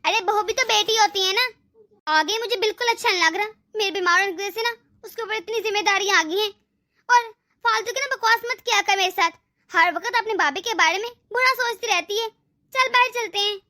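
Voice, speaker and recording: A woman voicing a sickly, kind older mother-in-law in an animated family drama, speaking in a soothing, pleading way. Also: extremely high pitch, fairly quick. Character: sickly, kindly older mother-in-law, always defending her daughter-in-law.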